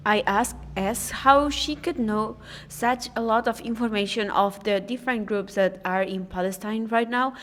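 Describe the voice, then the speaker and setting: A woman interviewer narrating between clips of a conversation, in a measured explanatory way. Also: a little high, a little hiss or hum.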